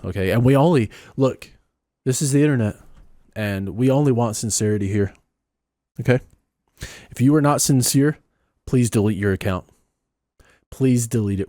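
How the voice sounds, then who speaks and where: A man's voice: on the low side, no room sound, studio quality. Sarcastic man reacting to a clip. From Southern United States. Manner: sarcastic, rambling, mock-serious, sudden soft asides. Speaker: reaction video host. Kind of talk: sarcastic commentary over a clip.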